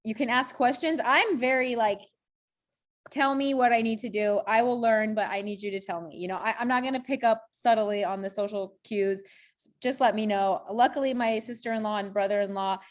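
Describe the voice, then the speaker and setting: A woman's voice: a little high, a little fast. Chatty American-raised woman guest. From United States. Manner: chatty, laughs while talking. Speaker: interview guest. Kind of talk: casual interview chat.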